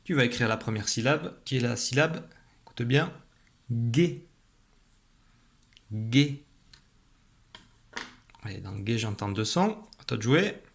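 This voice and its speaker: A man teaching a young pupil a spelling rule in an online lesson, patient and clear, slowing down as he demonstrates. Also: mid-range voice, lively intonation. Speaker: primary school teacher.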